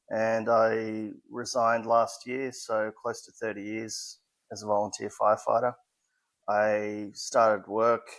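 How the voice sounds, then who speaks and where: A man's voice: on the low side, gravelly. A man in his forties with an Australian accent, a modest interview guest who explains things plainly with some hesitant restarts. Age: 40s. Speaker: guest, fire safety specialist. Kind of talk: casual interview chat.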